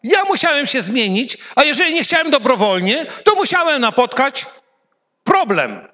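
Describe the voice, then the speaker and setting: A middle-aged man preaching a sermon, swinging from loud emphatic lines to hushed ones. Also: very high voice, very animated, normal speed. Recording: long hall reverb.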